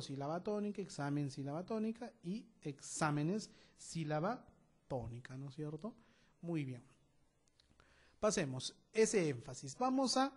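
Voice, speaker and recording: A man's voice: fairly high pitch, darkish tone. Peruvian man teaching a grammar lesson. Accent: Peruvian Spanish. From Peru. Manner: instructive, repeats "¿no es cierto?" after each point. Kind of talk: classroom lesson explanation.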